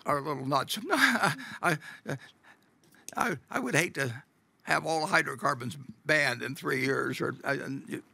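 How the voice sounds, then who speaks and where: An older man answering shareholder questions at a meeting in a folksy, halting way, with frequent chuckles and restarts. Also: on the high side, vocal fry, sharp tone, dry recording. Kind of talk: unscripted Q&A answer. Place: large meeting stage at a table.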